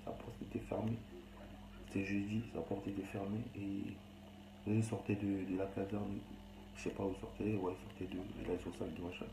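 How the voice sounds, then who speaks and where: A man's voice: fairly low pitch, little pitch movement, moderate pace, echoey room, background noise. A young man with a Cameroonian accent talks bluntly and rambles in a casual, slangy monologue. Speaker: vlogger.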